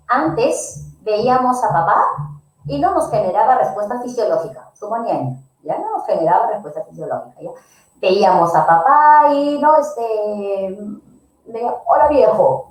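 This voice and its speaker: A woman with a Peruvian Spanish accent lectures on psychology with a fairly high, very lively voice that jumps up and down. She keeps checking in with the class as she explains. The sound carries a noticeable room echo. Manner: animated, constantly checking in with the class. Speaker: psychology teacher at an exam-prep academy. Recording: echoey room.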